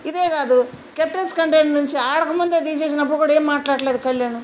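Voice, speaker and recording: Woman reviewer, high voice, indignant, rhetorical; crickets faint behind. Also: steady tone, quick pace, slight background noise, poor audio. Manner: indignant, fires off rhetorical questions. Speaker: reality show reviewer. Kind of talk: opinionated show review.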